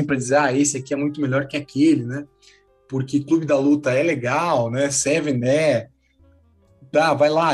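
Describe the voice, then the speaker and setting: A Brazilian man debating films in a casual podcast chat, taking the contrarian side with easy, meandering talk. His voice sits a little high for a man, and soft music runs faintly underneath. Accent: Brazilian Portuguese. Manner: argumentative, playful contrarian.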